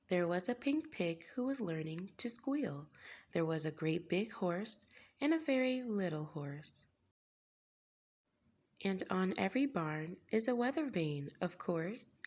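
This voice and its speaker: Her voice lowish and husky, a woman hosts storytime, reading a picture book aloud for young children. She delivers it with gentle, measured phrasing and playful touches of emphasis.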